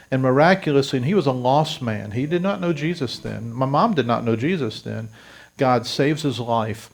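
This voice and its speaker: A man's voice: mid-range voice, creaky. A pastor in his fifties from South Louisiana, telling his life story to a congregation in an earnest, direct way. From South Louisiana, USA. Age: 50s. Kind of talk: testimony sermon.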